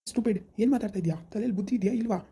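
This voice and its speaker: A woman's voice: medium pitch, warm tone, husky. A woman playing a man in an amateur village drama: a loyal friend and stern husband who scolds his wife and pleads with her. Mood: scolding. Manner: scolding, pleading, fast and insistent.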